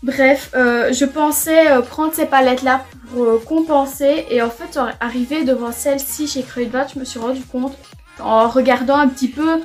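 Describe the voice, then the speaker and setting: A woman's voice: sits high, fairly even intonation, moderate pace, soft background music. A young woman casually chatting through a makeup try-on at home, enthusiastic and full of fillers. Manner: chatty, enthusiastic, repeats "franchement" often. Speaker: beauty vlogger. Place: home room near a window.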